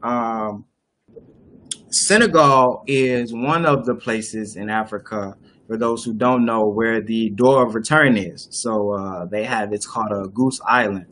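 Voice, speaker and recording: A man's voice: on the low side, a little slow, a bit bright, slight background noise. A young man hosting a casual discussion on a live video call, explaining at length with many fillers and restarts. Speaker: host. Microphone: webcam on a video call.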